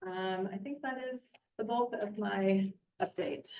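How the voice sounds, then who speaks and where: A woman superintendent giving a casual, chatty update at a school board meeting, often pausing with ums and uhs. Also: mid-range voice, gravelly, darkish tone. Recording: echoey, distant, muffled meeting audio.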